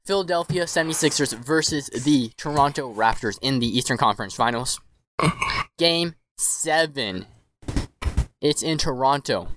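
A man's voice: mid-range voice, animated, a little slow, fairly bright tone, a little hiss or hum. A man hosting a sports podcast, running a quiz in a playful, rambling way with many fillers. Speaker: podcast host. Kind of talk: casual quiz chat.

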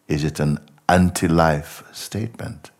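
Very deep, breathy, slow-talking man. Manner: slow and reflective, asking many rhetorical questions, often trailing off softly. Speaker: spiritual teacher. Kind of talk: contemplative spiritual talk.

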